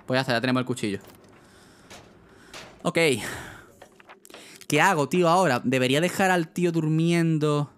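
A man's voice: fairly high pitch, normal speed, long pauses, clean tone. A young man gives casual, swearing livestream commentary while playing, often asking his viewers what to do. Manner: casual, chatty, asks chat often, swears. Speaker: streamer.

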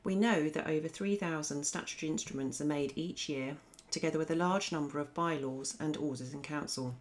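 A woman narrating a scripted law revision lesson as a voice-over, explaining in a clear, methodical way. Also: low-pitched, a little fast. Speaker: law teacher.

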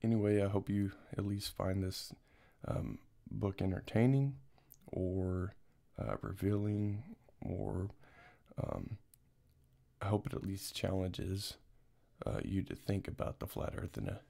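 A man's voice: low-pitched, lively intonation, unhurried, vocal fry, mellow. A man talking casually to viewers as an author, in a hesitant, rambling way. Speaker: book author introducing own work.

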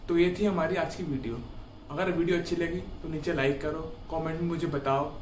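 An Indian fitness YouTuber in his twenties, seated on a bed in a small room at home, speaks a little fast in a steady, somewhat high voice, encouraging viewers earnestly and addressing them directly in a casual advice talk. Recorded from a camera a few feet away, the audio is echoey with a little hiss or hum.

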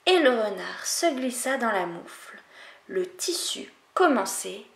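Une enseignante lit un conte aux enfants avec une diction lente et expressive. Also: female voice, fairly high pitch, gravelly, echoey room. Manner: slow, expressive, melodic. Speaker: teacher reading aloud. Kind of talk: storybook reading for children.

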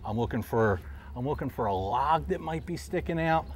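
A middle-aged man calmly explains his fishing technique as he casts from a boat, sounding like a fishing show host. His voice sits at an ordinary pitch and is picked up by a lapel mic outdoors, with a faint wash of outdoor noise behind him. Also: moderate pace. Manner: calm, explanatory, talks while casting. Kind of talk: instructional fishing commentary.

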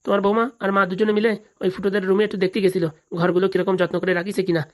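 A woman's voice: mid-range voice, steady tone, rapid-fire, lightly acted. A woman voicing quarrelling village family members in a cartoon, indignant and argumentative. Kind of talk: cartoon voice acting.

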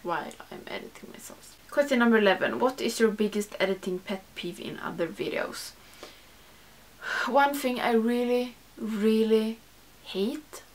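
Speaking at a measured pace in a slightly high voice, a young woman chats to camera for her beauty channel, responding to a tag. English isn't her first language, and she rambles, backtracks to correct herself, and fills her talk with "like." She's indoors in a small room with makeup shelves.

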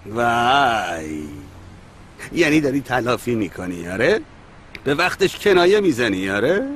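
Brief: actor as a sarcastic in-law, lively swinging voice. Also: male voice, medium pitch, a little hiss or hum, lightly acted. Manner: sarcastic, defensive. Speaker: brother-in-law.

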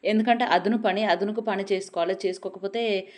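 A woman's voice: medium pitch, steady tone, brisk, natural voice. A woman voicing a stubborn, hardworking male farmer in a spoken folk tale, talking firmly and defiantly. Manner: firm, defiant.

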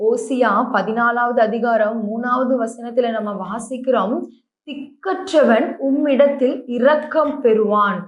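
A woman's voice: a little high, echoey room, lo-fi sound. A woman preacher giving a tender, pleading devotional sermon and prayer, speaking to her listeners as dear children.

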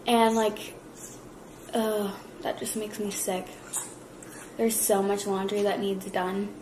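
A woman's voice: medium pitch, flat delivery, slow pace, darkish tone, roomy sound, a little hiss or hum, low-quality recording. A young woman vlogging casually at home, chatty and full of fillers, nauseous and tired. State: nauseous, worn out. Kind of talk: casual vlog chat. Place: home kitchen.

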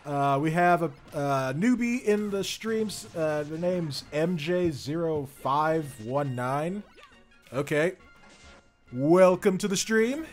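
A man hosting a casual gaming stream, excitable and laughing often as he plays and reads viewer comments. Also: a little high, slow, faint music behind. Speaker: streamer host.

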